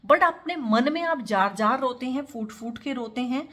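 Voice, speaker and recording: A woman reads tarot cards for her viewers in an earnest, advising tone, slipping English words into her Hindi. Her voice sits a little high. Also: animated, normal speed, a bit bright. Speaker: tarot reader. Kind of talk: tarot reading monologue.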